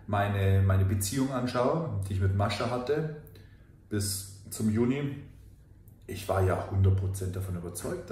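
Earnest coach in an echoey room. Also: male voice, medium pitch. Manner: earnest, emphatic, self-questioning, swings from quiet to loud. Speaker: fitness and life coach. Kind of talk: personal confessional monologue.

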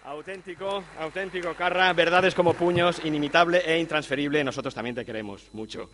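A man's voice: a little high, fairly quick, crowd noise. A man hosting a ceremony, announcing guests formally and effusively. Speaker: event presenter.

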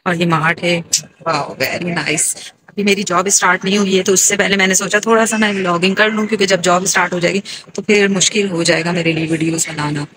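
Woman, 30s, casual walking-tour vlog, enthusiastic, phone at arm's length, clear crowd noise behind. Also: lowish voice, fairly even intonation, fairly quick. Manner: chatty, enthusiastic, narrating sights. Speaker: vlogger. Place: large indoor shopping mall. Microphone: phone held at arm's length. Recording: noisy phone audio in busy mall. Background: mall crowd chatter and noise.

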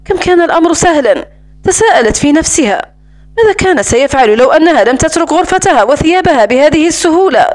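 A woman with a high voice narrates a romance novel for an audiobook. Her reading is steady and even, in a plain storytelling manner. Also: quick pace.

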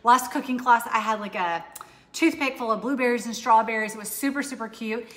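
Hosting a casual live cooking demonstration, a woman in her forties chats through a drink recipe at home, upbeat and rambling and often restarting. She speaks fairly quickly in a fairly high, fairly bright voice. The sound comes from a distant overhead camera in an echoey kitchen with long reverb.

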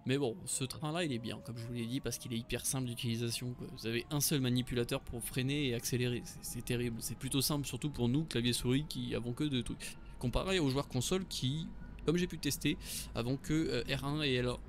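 A man at a mid pitch gives loose, joking commentary on his game. He rambles chattily, fills pauses and corrects himself as he goes. Faint noise sits in the background. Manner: chatty, joking, many fillers and self-corrections. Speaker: gaming video host. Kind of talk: casual let's-play commentary.

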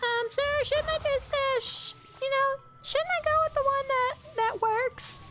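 A man voicing a meek male voice actor with a squeaky, very high voice. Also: steady tone, measured pace, heavy background noise. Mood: timid. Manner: timid and hesitant.

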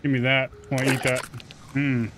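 Over video game music in a very noisy recording, a man of medium pitch delivers flat, normal-speed gameplay commentary as a gaming YouTuber. He is casual, slangy, and profane, and he talks back to the game's characters.

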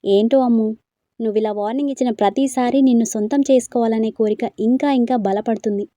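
A woman's voice: a little high, fairly even intonation, a little fast, warm tone, no echo, highs cut off, close to an everyday voice. A woman reading a storybook, voicing a cheeky young man who teases playfully. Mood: teasing. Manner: playful teasing.

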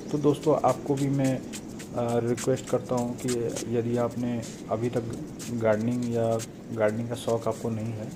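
A young man talks viewers through his rooftop garden in a flat, even voice. His narration is casual and explanatory. Outdoor ambience and birdsong come through clearly. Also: medium pitch, background noise. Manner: addresses viewers as friends, steady explanatory tone. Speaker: gardening vlogger.

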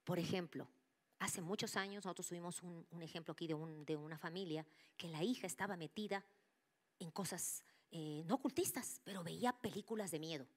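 A woman preaching to her church, telling a personal testimony with lively storytelling and dropping into whispers for quoted voices. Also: on the low side, fairly quick. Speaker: church speaker.

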